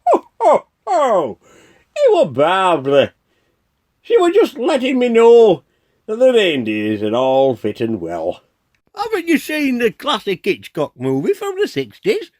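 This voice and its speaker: A man's voice: high-pitched, wildly swooping pitch, measured pace, a little mellow, heavily acted. A man playing a henpecked, emotional, jokey old Santa Claus in a comic radio play, with a Northern English accent. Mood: jovial.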